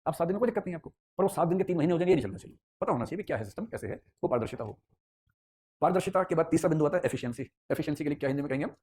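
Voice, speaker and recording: A man's voice: on the high side, animated, rapid-fire, darkish tone, slight background noise. A man teaching an ethics class, telling a story with playful asides in a classroom lecture.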